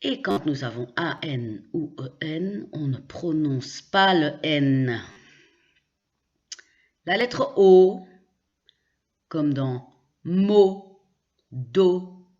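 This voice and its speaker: A woman's voice: low voice, expressive, slow, long pauses, darkish tone, dull audio. A woman teaching French pronunciation, spelling out letters and carefully repeating example words. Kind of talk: slow pronunciation lesson.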